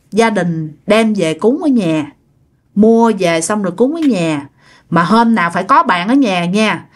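A woman with a Southern Vietnamese accent telling a ghost story in a loose, chatty, conversational way, full of small tag particles. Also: medium pitch. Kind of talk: casual spoken ghost story.

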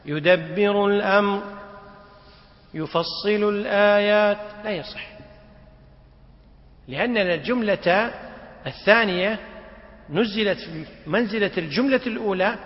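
High-voiced man lecturing in echoey hall. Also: normal speed, pauses often. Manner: explanatory, asides and corrections. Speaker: teacher explaining a text. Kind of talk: classroom lecture. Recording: muffled recording in echoey hall.

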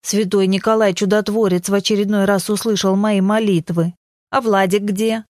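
A woman voicing a devout grandmother in her sixties, speaking slowly on the phone in an audiobook. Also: mid-range voice, fairly even intonation, darkish tone, no room sound, studio quality, close to an everyday voice. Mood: fond. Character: grandmother on a retreat, devout, warm.

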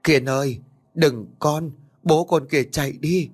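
A man's voice: lowish voice, animated, moderate pace. A man voicing a frightened elderly mother who stammers and trembles, in an audiobook ghost story. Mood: frantic.

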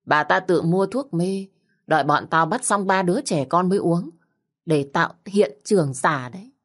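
A woman's voice: lowish voice, normal speed, natural voice. A woman voicing a mocking middle-aged male kidnapper who taunts and threatens bluntly, as a storybook figure. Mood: taunting.

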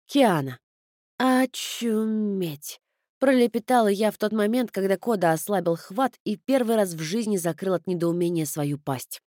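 A woman narrating a novel in the first person, raising her voice sharply into shouting for her own heroine's furious lines. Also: mid-range voice, lively intonation, moderate pace, few pauses, no echo, clean studio sound. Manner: shifts into loud angry shouting for her character's lines. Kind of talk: audiobook narration of a romance novel.

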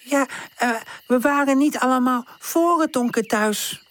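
A woman's voice: sits high, a little slow, pitched above the performer's own voice. A woman voicing an eager young male puppy who stammers, in a children's storybook. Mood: earnest. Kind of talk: storybook character voice.

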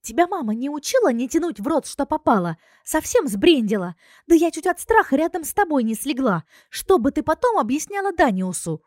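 A loud, excitable young girlfriend with a high, ringing voice, as a woman reader puts her on. She fires off shrill questions and shouts in bursts. The recording is dry and close. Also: moderate pace, no echo. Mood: indignant.

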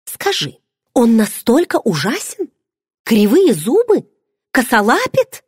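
A woman's voice: fairly high pitch, sing-song, a little slow, darkish tone, dry recording, clean studio sound, voice pushed up. A woman voicing a playful, nosy young pregnant friend who teases with pushy questions. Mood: teasing. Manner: teasing, bubbly, pushy questions.

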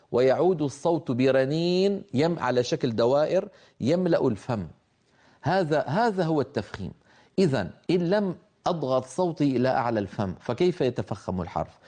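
A man's voice: mid-range voice, mellow. A man from the Levant teaching a Quran recitation lesson, explaining pronunciation and demonstrating sounds by drawing out syllables. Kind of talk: tajweed lesson.

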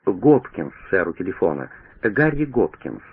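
A breathless, stammering female secretary, flustered and rushing her news out, as a male reader voices her. The voice stays low and husky on a thin, phone-like radio line. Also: sing-song, exaggerated voice. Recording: tinny radio broadcast.

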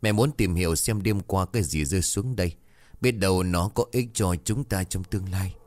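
A man's voice: low voice, moderate pace, a little mellow, dry recording, close to an everyday voice. A man voicing a stern middle-aged mother who practices magic and scolds her daughter. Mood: scolding.

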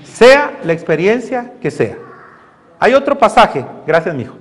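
Animated high-voiced preacher man. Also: unhurried. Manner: animated, acts out voices of God and church members; conversational, asks the congregation questions. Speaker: pastor. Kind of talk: lively sermon with humor.

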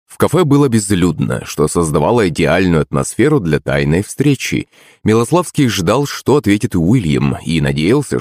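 Low-voiced male audiobook narrator. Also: darkish tone, no echo, clean studio sound.

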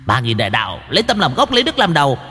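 A man's voice: bright, forceful tone, big-room sound, slight background noise. A man voicing a boastful, chatty male demon who mocks and preaches between wild laughs. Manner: shrill, mocking, preachy, full of wild laughs.

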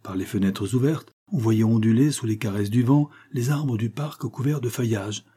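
A man narrating a short story in a measured, even audiobook reading. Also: mid-range voice, slightly rough.

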